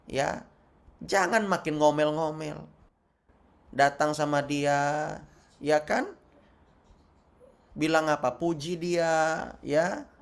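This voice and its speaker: Slow-talking male pastor preaching. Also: fairly high pitch, clear, resonant tone. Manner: slow, repetitive preaching with playful asides. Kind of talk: sermon.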